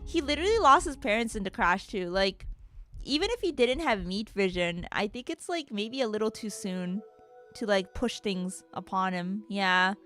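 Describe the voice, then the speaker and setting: A woman streaming a visual novel playthrough, reading its narration aloud and reacting with animated, giggly, slangy commentary. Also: mid-range voice, normal speed, soft background music.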